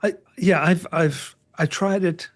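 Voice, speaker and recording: Halting man in casual panel chat. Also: sits high. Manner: halting, repeats words. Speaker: tech podcast panelist.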